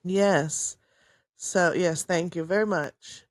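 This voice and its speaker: A woman's voice: fairly low pitch, fairly even intonation, slow. A woman co-hosting a casual podcast from home in her morning voice, chatty and laughing often, with fillers, over a video call. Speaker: podcast co-host. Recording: level drops in and out.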